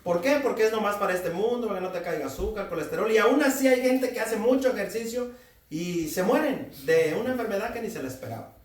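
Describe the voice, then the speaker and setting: High-voiced man preaching in an echoey hall. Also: animated, quick pace, recorded from a distance. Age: 40s. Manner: exhorting, addresses the congregation directly. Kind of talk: sermon.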